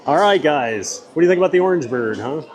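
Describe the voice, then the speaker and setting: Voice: medium pitch, expressive, fast talker, a crowd in the background. A livestream vlogger chatting casually, politely and upbeat while out at a theme park. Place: theme park shops and walkways. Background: loud background music.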